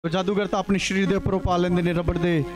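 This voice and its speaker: A man's voice: high-pitched, flat delivery, fast. A man preaching in a Punjabi accent as pastor, urging the congregation to answer aloud and mixing in English words. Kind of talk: call-and-response sermon. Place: church hall. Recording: music playing clearly behind.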